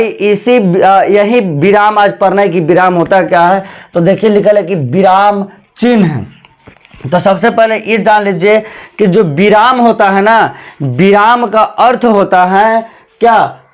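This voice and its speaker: A man teaching grammar in a classroom lecture, repeating points and often calling his students "bhai". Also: high voice. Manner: repetitive, drawn-out explanations with frequent "bhai".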